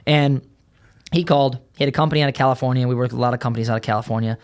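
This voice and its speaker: A man who founded an ad agency, a podcast guest telling blunt, fast stories full of "right?". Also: medium pitch, steady tone, clean tone. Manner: blunt, fast storytelling with many "right?" tags. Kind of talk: casual podcast conversation. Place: podcast studio.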